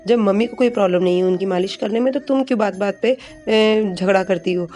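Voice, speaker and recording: A woman narrating a TV serial episode recap in a casual, unscripted way, with pauses and restarts. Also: medium pitch, faint music behind. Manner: retells scenes with filler pauses and restarts, reading dialogue flatly.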